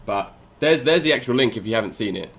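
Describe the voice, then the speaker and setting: A man's voice: mid-range voice, animated, fast, gravelly, fairly bright tone. A man streaming live, reacting to a video with sarcastic commentary, laughing often and talking to his chat.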